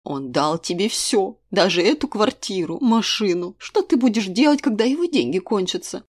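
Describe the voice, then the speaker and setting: A woman's voice: mid-range voice, big pitch swings, normal speed. A woman voicing an overbearing, theatrical grandmother who laments and lectures while reading a story aloud. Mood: reproachful, lecturing.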